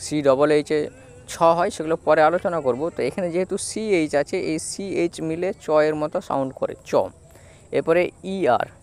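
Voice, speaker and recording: Patient man teaching spelling slowly. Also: on the high side, darkish tone, smooth. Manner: patient, repeats each syllable. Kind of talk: slow spelling lesson.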